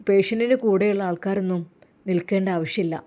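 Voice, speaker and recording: A woman putting on a low coaxing villain man. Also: quick pace, dark tone, lightly acted. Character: lecherous scheming man, smooth-talking villain.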